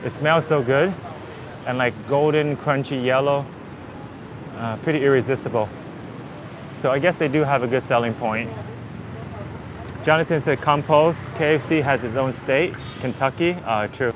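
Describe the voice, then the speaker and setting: In a medium-pitched voice at normal speed, pausing often, a man rambles and thinks aloud in casual English like a walking travel livestreamer; his native language is Vietnamese. He's outdoors on a busy city street, and the dull audio picks up loud traffic, vehicles and street noise.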